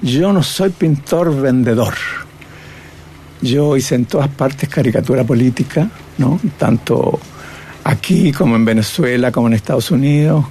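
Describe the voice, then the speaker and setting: A man's voice: mid-range voice, unhurried, mellow, slight background noise. An older man, a cartoonist and painter reflecting on his career in an interview, often tagging his phrases with "¿no?". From Chile. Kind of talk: reminiscing interview.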